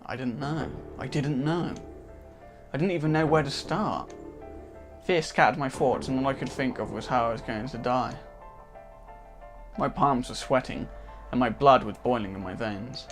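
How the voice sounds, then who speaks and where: A man's voice: medium pitch, moderate pace. A man reading a game's narration aloud in a let's play, dramatic storybook reading with casual asides, game music behind.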